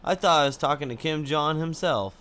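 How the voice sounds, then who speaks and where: A man's voice: a little high, fairly quick, background noise. A man chatting casually as a co-host, dropping laid-back, joking remarks. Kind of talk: casual chat.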